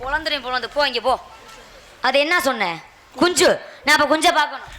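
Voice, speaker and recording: A woman's voice: high voice, brisk, a loud crowd. A woman performing live village stage comedy, teasing and declaiming in a mock-formal way through a stage mic. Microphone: stage mic set.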